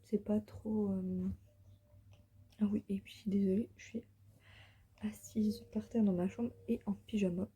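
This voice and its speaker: A tired woman whispering softly through a casual beauty unboxing vlog from the floor of her bedroom. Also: medium pitch, steady tone, unhurried, pauses often, husky. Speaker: beauty vlogger.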